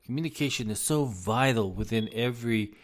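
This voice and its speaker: A man's voice: medium pitch, a little fast. A man giving earnest, informal advice to parents, repeating himself for emphasis, losing his voice. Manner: earnest, repetitive, addresses parents directly. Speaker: speaker on parenting.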